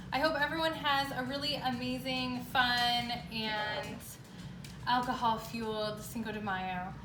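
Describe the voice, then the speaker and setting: A chatty woman with a fairly high voice walks viewers through baking in an informal, upbeat style. She is recorded in an echoey kitchen, a little away from the mic, with clear noise around her. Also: distant mic. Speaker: home baking show host. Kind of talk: casual baking demonstration. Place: indoor home kitchen.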